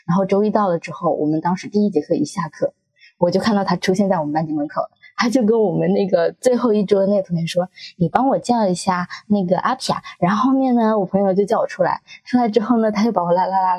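A woman's voice: mid-range voice, fast, slightly rough. A young woman in her twenties on a podcast, telling a story with lots of laughter and acted-out quotes. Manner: animated storyteller, laughs often, acts out quotes. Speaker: podcast co-host. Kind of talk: casual chat, storytelling.

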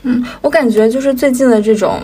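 A woman's voice: fairly high pitch, brisk, warm tone, distant mic, a little hiss or hum. A woman co-hosting a podcast, talking through ideas in casual, analytical chat with some internet slang. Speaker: podcast co-host.

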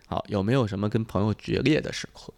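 A man's voice: fairly low pitch, quick pace, vocal fry, darkish tone. A young man with a thick-tongued, slightly slurred way of speaking that muddles L sounds, chatting casually as a podcast host. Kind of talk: casual improvised chat.

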